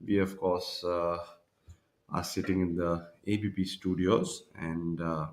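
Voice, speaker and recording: A man's voice: deep voice, flat delivery, slow pace, a little mellow, roomy sound. A man working as a golf commentator, hosting live tournament coverage from a studio. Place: broadcast studio.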